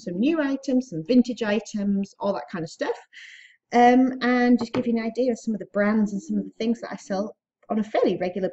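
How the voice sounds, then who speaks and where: A woman's voice: mid-range voice, a little mellow, muffled recording. A pregnant woman chatting casually to camera as an online reseller, upbeat and a little out of breath, with frequent ums and small laughs. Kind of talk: casual vlog talk to camera.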